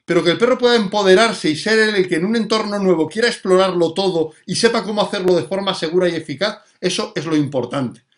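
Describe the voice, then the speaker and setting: Brief: man with a high voice, a dog trainer in a loose live Q&A, always checking that people follow. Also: fast, hardly any pauses. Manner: explanatory, often checks in with "vale" and "sabes". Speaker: dog trainer answering viewer questions. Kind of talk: live explanatory talk.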